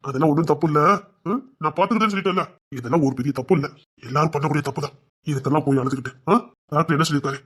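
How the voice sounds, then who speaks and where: An actor playing a caring father who soothes and coaxes his crying daughter in a TV serial, repeating himself gently. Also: fairly high pitch, racing, breathy edge. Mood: soothing. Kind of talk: TV serial drama.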